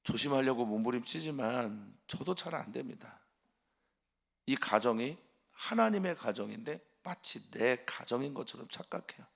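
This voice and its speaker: A male pastor preaching an early-morning sermon, measured and explanatory, trailing off softly at the ends of phrases. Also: mid-range voice, expressive, vocal fry, husky.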